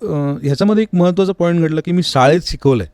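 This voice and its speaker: This man talks fast, his voice on the high side yet darkish, clear, and resonant. As an interview guest and music teacher, he explains earnestly in a reflective, conversational way. The studio recording is dry and close, with no room sound.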